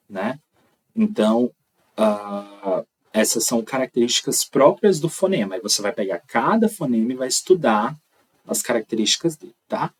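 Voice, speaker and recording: A man's voice: medium pitch, slightly rough, recorded from a distance, rough recording. A man with a Brazilian accent teaching an online lecture, explaining step by step and checking in with frequent "tá?". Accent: Brazilian Portuguese.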